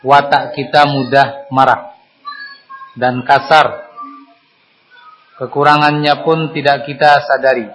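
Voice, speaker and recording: A man preaching a Friday sermon in a mosque, lively and conversational, with sudden lifts in pitch and rhetorical questions. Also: takes it slowly, long pauses, a little hiss or hum, low-quality recording.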